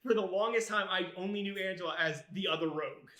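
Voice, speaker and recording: A man's voice: high-pitched, fast talker, sharp tone, reverberant. A man co-hosting a podcast, casually chatting and chiming in with corrections. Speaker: podcast co-host. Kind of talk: casual chat.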